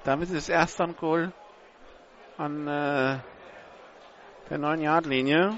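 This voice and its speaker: High-pitched male football play-by-play commentator. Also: fairly even intonation, takes it slowly, fairly bright tone, dull audio. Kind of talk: live American football commentary.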